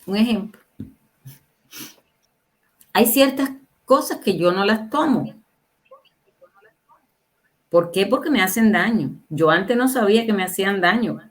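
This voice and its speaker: A woman's voice: medium pitch, animated, a little slow, long pauses. An older woman in her sixties talks at length as a guest on a livestream interview. She keeps up a casual, opinionated flow and presses her points home by firing rhetorical questions at her listeners. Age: 60s. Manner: emphatic, asks the audience rhetorical questions.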